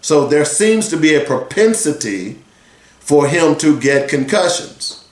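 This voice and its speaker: A man's voice: on the high side, sing-song, a little slow, roomy sound. A man in his sixties talking earnestly as a sports radio host, rambling and conversational. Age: 60s. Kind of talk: solo talk radio commentary.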